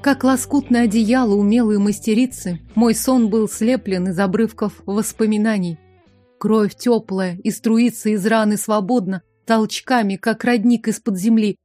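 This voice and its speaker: A woman reading a novel aloud in first person, measured and even. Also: on the high side, no room sound, clean studio sound. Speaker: audiobook narrator. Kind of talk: first-person audiobook narration.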